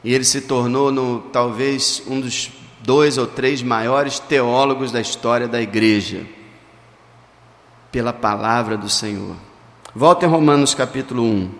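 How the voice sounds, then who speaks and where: A man's voice: mid-range voice, measured pace, a bit bright. A male pastor, preaching a sermon and telling stories with emphatic, dramatic stresses. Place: church. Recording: reverberant church hall.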